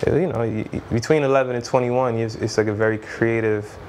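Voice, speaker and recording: This man, a music executive in his thirties, is Trinidadian and Brooklyn-raised, and his interview storytelling is loose and meandering, full of "you know what I mean". His mid-range voice is steady, brisk, and darkish in tone. A little hiss or hum can be heard.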